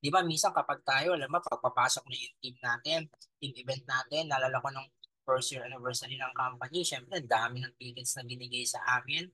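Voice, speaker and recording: A man in his thirties with a Filipino accent gives an animated motivational talk to a live audience. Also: mid-range voice, brisk, low-quality recording. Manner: animated, talks straight to the audience. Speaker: motivational speaker.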